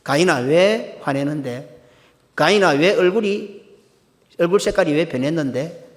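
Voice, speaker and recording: A pastor voicing God's stern questioning voice. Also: male voice, on the high side, lively intonation, fairly quick, in a large hall, natural voice. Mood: stern, probing. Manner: pointed rhetorical questioning. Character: stern questioning divine male voice.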